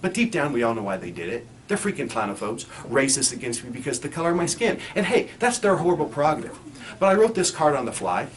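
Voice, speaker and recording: A man playing a crude, cynical clown pitchman in a spoof infomercial, swearing and mock-sincere as he sells insulting greeting cards. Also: lightly acted. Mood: aggrieved, proud. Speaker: comedian in character as a clown. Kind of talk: spoof infomercial sales pitch with recited rhyming card verses. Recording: roomy echo, faint background noise.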